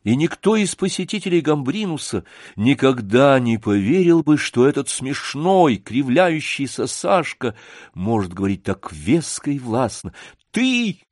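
A man narrating a story in a measured, expressive audiobook reading. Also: mid-range voice, dry recording, studio quality.

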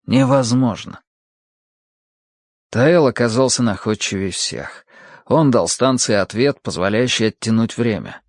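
A man narrating a science-fiction story in a measured, even storytelling manner. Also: mid-range voice, no echo, clean studio sound. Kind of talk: audiobook reading of science fiction.

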